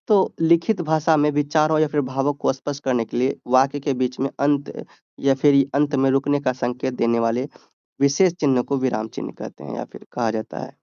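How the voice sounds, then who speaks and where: A man's voice: on the high side, warm tone, clear, resonant tone, no room sound, dull audio. Man teaching a grammar exam-prep lesson. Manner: explains step by step, asking and answering his own questions. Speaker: exam tutor.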